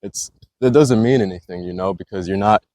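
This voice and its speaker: A man's voice: low-pitched, brisk, dry recording. A man, a military veteran, talking casually as a podcast guest, loose and filler-heavy. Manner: relaxed, loose, lots of "like" and "you know". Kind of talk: casual conversation. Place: gym.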